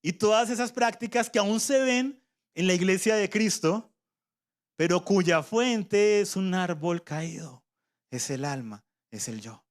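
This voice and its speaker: Conversational preacher, man, higher voice. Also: animated, measured pace. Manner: conversational, voices imagined objections. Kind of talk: sermon.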